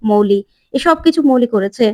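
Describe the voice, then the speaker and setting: A woman's voice: on the high side, expressive, fairly quick, mellow, natural voice. A woman voicing a worried, determined young man who pleads and searches for the truth in a retold serial. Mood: earnest worried. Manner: earnest, pleading.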